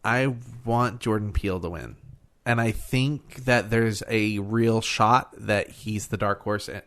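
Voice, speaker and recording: A man's voice: fairly low pitch, steady tone, slow pace, fairly bright tone. A man hosting a casual movie podcast who rambles and fills his sentences with "um" and "like.". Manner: rambling, filler-heavy. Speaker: podcast host.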